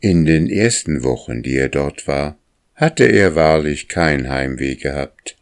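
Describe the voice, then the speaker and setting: A man narrating a children's storybook in a calm, measured reading. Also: very deep voice, clear, resonant tone.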